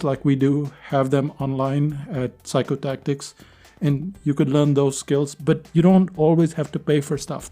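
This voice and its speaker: This is a solo podcast host, a man with a medium-pitched, warm voice. He talks earnestly and conversationally, repeating phrases for emphasis.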